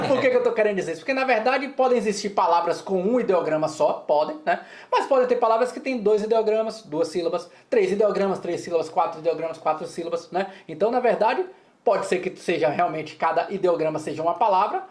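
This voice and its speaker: A woman's voice: mid-range voice, lively intonation, fast talker, darkish tone. Chatty Brazilian woman teaching Chinese. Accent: Brazilian Portuguese. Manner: explanatory, chatty, keeps checking in with listeners. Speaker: Mandarin teacher. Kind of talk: co-taught language lesson.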